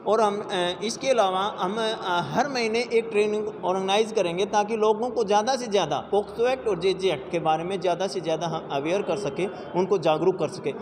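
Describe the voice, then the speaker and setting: A man's voice: sits high, a little fast, few pauses. A man, a child protection official, giving an interview statement with many hesitations and fillers. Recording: reverberant hall with loud noise.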